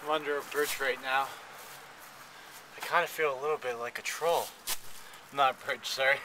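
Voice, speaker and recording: A man's voice: medium pitch, steady tone, moderate pace, background noise. A young man chatting casually to a handheld camera outdoors, rambling and joking as he goes. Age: young adult. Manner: rambling, jokey. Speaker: vlogger, house painter. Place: outdoors around a wooden deck and yard. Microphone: camera held at arm's length.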